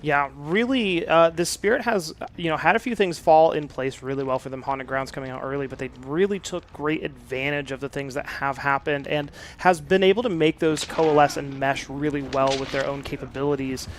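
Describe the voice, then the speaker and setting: A man giving steady play-by-play commentary on a video game match, with frequent fillers. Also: on the high side, moderate pace, few pauses, a little hiss or hum. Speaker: esports caster.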